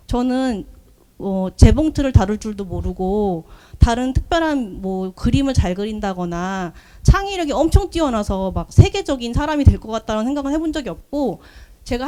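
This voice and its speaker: Earnest soft-spoken woman presenting. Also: a little high. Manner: earnest, soft-spoken, personal storytelling with frequent fillers. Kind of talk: business showcase presentation. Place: event hall.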